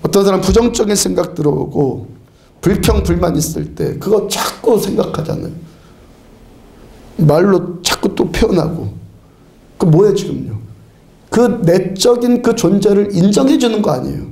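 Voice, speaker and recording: A man's voice: high voice, expressive, normal speed, vocal fry, mellow. A male pastor delivering an emphatic sermon, urging his congregation with firm commands and often breaking into a laugh as he preaches. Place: church sanctuary. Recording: echoey church sanctuary.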